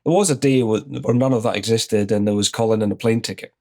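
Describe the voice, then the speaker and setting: Speaking fast in a fairly low voice, a man from Scotland in his fifties recounts an anecdote as an executive interview guest. He's relaxed and conversational, replaying his own past exchanges.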